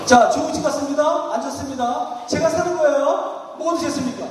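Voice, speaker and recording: A man with a very high-pitched voice leads a church seminar at normal speed, his voice distant and echoey in a big hall with an audience and slight background noise. He keeps things interactive, posing questions to listeners by title and performing the dialogue in the stories he tells.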